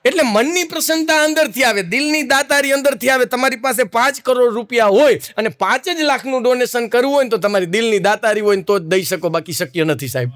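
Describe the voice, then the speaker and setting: A man's voice: very high voice, fast talker, few pauses, dry recording. A middle-aged man with a Kathiawadi Gujarati accent, telling funny folk anecdotes on stage and acting out the people in them. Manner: lively folksy storytelling, acts out the people in his stories. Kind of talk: live stage storytelling.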